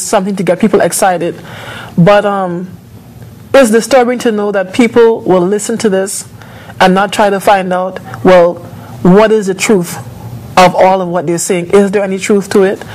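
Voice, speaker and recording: A woman's voice: mid-range voice, steady tone, moderate pace, darkish tone, low-quality recording. A woman born in Guyana and raised in New York, speaking thoughtfully as a guest on a TV talk show.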